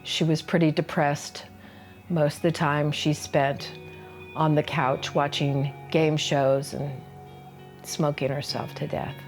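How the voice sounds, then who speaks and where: A woman's voice: low voice, level tone, slow, faint music behind. An older woman teaching solo performance, telling a personal family story in an earnest, reflective, confiding way.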